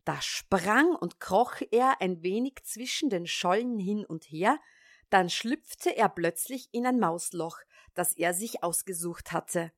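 A woman reading a fairy tale aloud as storyteller, calm and measured. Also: medium pitch, no echo, clean studio sound.

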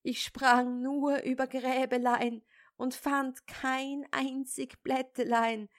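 A woman voicing a deceitful female goat in a fairy tale, bleating and whining in a slow storybook reading. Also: sits high, flat delivery, pitched above the performer's own voice. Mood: sly complaining. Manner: bleating, whiny complaint.

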